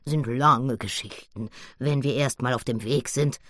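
A woman voicing a calm, wise male gorilla who speaks slowly and formally. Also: very deep voice, dry recording, studio quality, voice pushed down. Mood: solemn. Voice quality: slow, deliberate, stilted formal speech.

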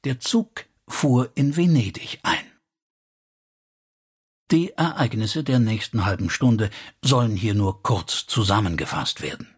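A man narrating an audiobook story in a measured, expressive reading. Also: lowish voice, slightly rough. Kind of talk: scripted narration.

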